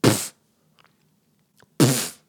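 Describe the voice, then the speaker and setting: A man's voice: very slow, very noisy. A man ranting comically about an advertisement, incredulous and riffing with lots of fillers. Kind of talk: comedic rant.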